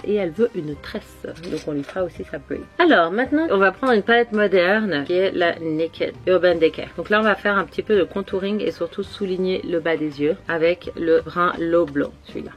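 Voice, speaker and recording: A woman's voice: on the low side, normal speed, few pauses, muffled recording, soft background music. Chatty woman with a put-on accent. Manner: chatty, addresses viewers directly. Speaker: makeup vlogger. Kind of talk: casual makeup tutorial.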